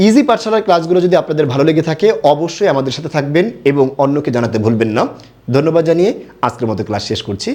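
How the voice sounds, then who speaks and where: A male teacher giving an online pronunciation lesson, his pitch sitting a little high and swinging widely as he explains. He keeps asking the class questions and then answering them himself. He breaks words down letter by letter and repeats the key points. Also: lively intonation, very fast, a little mellow. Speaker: Bangla grammar teacher.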